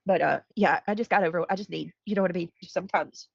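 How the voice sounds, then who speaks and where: A woman's voice: lowish voice, fast talker, creaky, breathy edge, no room sound. An overwhelmed, upset woman chatting casually and confessionally on a live stream, with a stuffed-up nose. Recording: slightly dull, dry audio.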